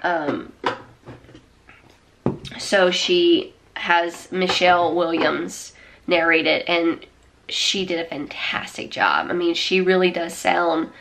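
Speaking low with some vocal fry, this woman still has a fairly bright tone, and a little hiss or hum sits under the audio. She's a vlogger chatting casually at home in a small room, congested and rambling with many fillers and restarts, recorded on a camera or phone at arm's length.

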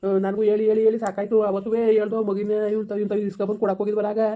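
A man's voice: high-pitched, monotone, very fast, phone-quality sound, close to an everyday voice. A man playing a stern but caring village elder who lectures. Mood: soothing. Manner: scolding, lecturing, then soothing. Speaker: elder villager in a comedy skit.

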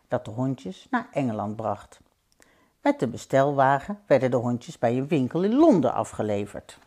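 A woman reading a children's storybook aloud, expressive and gentle, with playful sound effects. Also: very deep voice, slightly rough.

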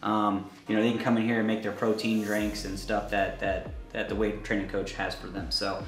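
A man's voice: on the low side, level tone, soft background music. A man, a college wrestling coach, giving a casual tour of his facility and filling his talk with "you know" and "um". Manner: rambling, fills every pause with "you know" and "um".

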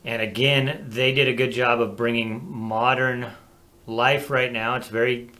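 Chatty, animated man co-hosting a talk show. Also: medium pitch, unhurried. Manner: animated, chatty, laughs easily. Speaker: co-host. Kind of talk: casual chat.

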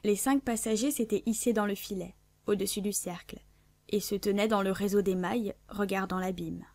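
A woman narrating a classic adventure novel in a measured, clear literary reading. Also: medium pitch, steady tone, darkish tone, no room sound. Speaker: audiobook narrator.

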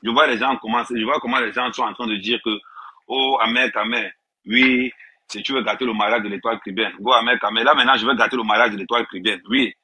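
A man's voice: lowish voice, steady tone, racing, hardly any pauses, sharp tone, breathy edge, rough recording. Emphatic man ranting on a live stream. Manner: emphatic, repeats phrases, addresses viewers directly. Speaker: social media personality on a live stream. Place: indoors, filming himself with a tablet on a tripod.

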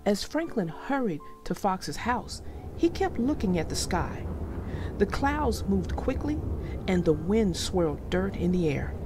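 Woman storyteller, children's read-aloud, slow, lively pitch, slightly creaky. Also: over music.

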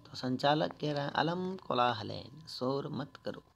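Slow, gravelly male teacher. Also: medium pitch, lively intonation, muffled recording. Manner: patient, explains word by word; reads verses slowly and louder. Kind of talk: school lesson explaining a textbook page.

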